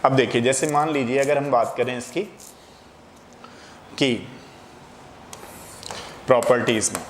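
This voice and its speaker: At an unhurried pace and in a steady, medium-pitched tone, a man gives a classroom-style chemistry lecture. He goes step by step and answers the questions he raises. The recording has room echo and faint background noise.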